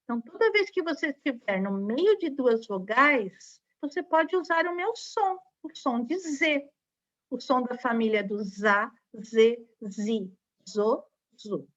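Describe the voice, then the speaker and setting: A woman's voice: a little high, lively intonation, takes it slowly. A woman voicing a kindly letter Z. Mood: reassuring. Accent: Brazilian Portuguese. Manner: kind, reassuring, cheerful. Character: friendly letter Z comforting another letter. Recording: dull lo-fi recording.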